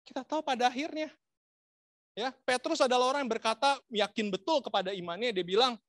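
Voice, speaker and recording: A man preaching a sermon, dramatic and swinging from loud to hushed, asking the congregation rhetorical questions and mixing in English phrases. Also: extremely high pitch, fairly quick, dry recording, studio quality.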